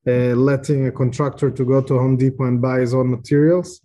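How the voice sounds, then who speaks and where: Man in his thirties, from Ukraine, mellow low-key voice, measured delivery, pauses with fillers, podcast guest. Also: steady tone. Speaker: real estate investor guest. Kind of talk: podcast interview.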